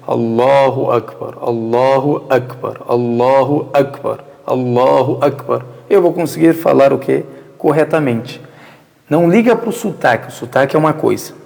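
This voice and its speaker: A Brazilian religious teacher with a Brazilian Portuguese accent gives an informal lesson in a mosque prayer hall, answering listeners' questions and often posing rhetorical questions he answers himself. His medium-pitched voice has vocal fry and is a little mellow, with a big-room sound.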